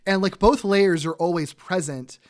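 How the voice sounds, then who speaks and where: A man's voice: high voice, normal speed. A man co-hosting a casual recap podcast, talking in an enthusiastic, giggly way. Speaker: podcast co-host. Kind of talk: casual episode recap chat.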